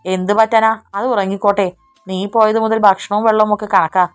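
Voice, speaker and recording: A woman's voice: medium pitch, flat delivery, brisk, smooth, soft background music, close to an everyday voice. Anxious, loyal young man voiced by a woman narrator; earnest and urgent, storybook reading.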